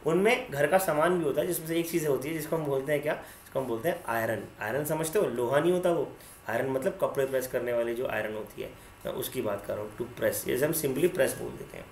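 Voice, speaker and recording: A male teacher runs an online class, teasing students by name and mixing Hindi with English terms. His mid-range voice moves at a quick pace and sounds reverberant, with a little hiss or hum.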